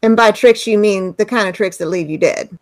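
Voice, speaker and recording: A woman with an Appalachian accent role-plays casually in a tabletop game, speaking in character with folksy, plain-spoken hillbilly talk. Her medium-pitched voice is fairly quick, with no echo.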